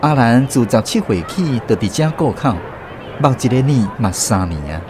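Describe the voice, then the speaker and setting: A man performs a reflective storyteller's first-person account of his youth for a scripted radio drama, in a reminiscing, conversational, explanatory way with a Taiwanese accent. His natural voice is medium-pitched with lively intonation at normal speed, against a noisy background.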